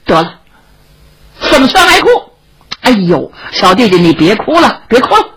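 A woman voicing a kind, chatty young male swordsman who coaxes and brags, with a raspy voice. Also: mid-range voice, very animated, normal speed, very noisy, natural voice. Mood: coaxing. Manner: coaxing, chatty, a bit boastful.

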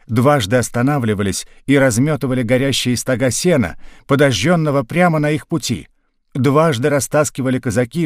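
A man reading a novel aloud as narrator, in a measured storytelling way. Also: mid-range voice, no room sound, clean studio sound. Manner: measured storytelling read, lively in action. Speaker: audiobook narrator. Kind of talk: scripted narration.

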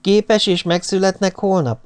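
An anxious middle child full of questions, as a man voices it in a storybook reading. The pitch is raised above the reader's own, with a fretful, questioning lilt. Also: warm tone, clean tone, dry recording, lightly acted. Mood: worried.

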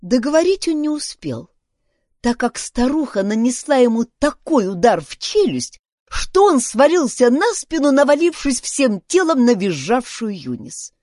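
A woman narrating a children's detective story in an expressive reading voice. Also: high voice, a little slow, dry recording, clean studio sound. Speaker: audiobook narrator.

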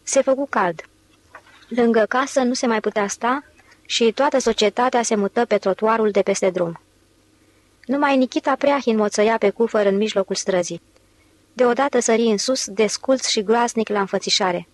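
A woman's voice: a little high, no room sound. Woman narrating a novel, dry close sound. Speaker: audiobook narrator. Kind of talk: scripted literary narration.

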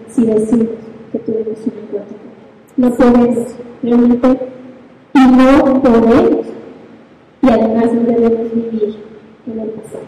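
A woman with a Mexican Spanish accent, a mother preaching and telling a personal story with lively, animated storytelling and sound effects. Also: a little high. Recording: very echoey hall, faint noise.

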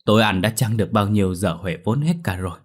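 A man's voice: fairly low pitch, quick pace, natural voice. A man voicing a squeamish, whining male villager in a storybook horror tale. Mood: pleading. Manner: whining, pleading.

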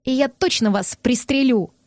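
A woman's voice: sits high, moderate pace, no room sound, clean studio sound, lightly acted. A woman reading the part of a proud, stubborn young woman who answers back with indignation in an audiobook. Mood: indignant. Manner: indignant, sharp, defiant.

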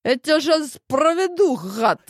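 Woman reader doing a drunk, raging fortyish woman; shrill, shouty, slurred. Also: very animated, measured pace, dry recording. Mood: drunk furious. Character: drunk, furious woman in her forties, lashing out.

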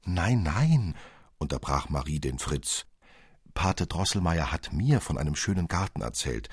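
A man with a very low, husky voice narrates a literary fairy tale, measured yet expressive. The recording is close and dry, with no room sound.

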